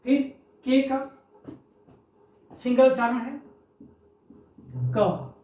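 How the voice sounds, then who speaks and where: A teacher giving a slow pronunciation lesson, saying example words one at a time and repeating them. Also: high voice, dark tone, slight background noise. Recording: echoey room, far from mic.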